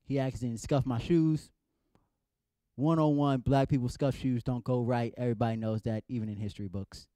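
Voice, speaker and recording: A man's voice: mid-range voice, steady tone, a little fast, mellow, no room sound. A young man from San Jose doing a stand-up set, playful and mock-indignant as he chats with the crowd. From San Jose, California. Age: young adult. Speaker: stand-up comedian.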